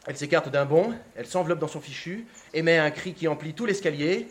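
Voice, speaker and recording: A man reads literary prose aloud with a theatrical flair, his somewhat high voice dropping to a hush and then rising again with excitement. The reading feels dramatic and carefully shaped. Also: fairly quick, a little hiss or hum. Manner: expressive, theatrical, shifting from hushed to excited. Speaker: narrator.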